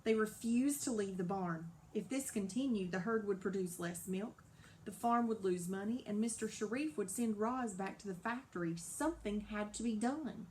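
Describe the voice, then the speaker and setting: A woman narrating a children's novel aloud in a lively, dramatic storybook style. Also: medium pitch, moderate pace, a little hiss or hum. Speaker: audiobook narrator.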